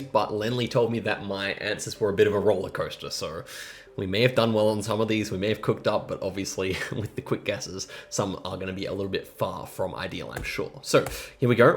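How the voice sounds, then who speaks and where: A man with a lowish, creaky voice thinks aloud while playing, musing and rambling hesitantly in a casual way. He hosts geography quiz gaming videos.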